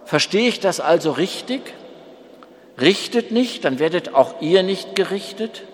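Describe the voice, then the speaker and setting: An eager young scribe asks careful, searching questions in a raised, lively voice, as a man reads him aloud. The words come slowly, and a long reverb trails each line. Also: sits high, voice pushed up. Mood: inquiring.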